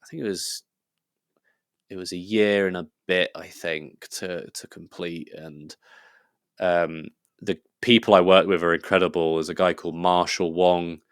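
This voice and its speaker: Very deep-voiced English man, rambling. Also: steady tone, measured pace, smooth, dry recording, clean studio sound. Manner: rambling and enthusiastic, many fillers and restarts. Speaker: podcast guest. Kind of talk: casual conversational interview.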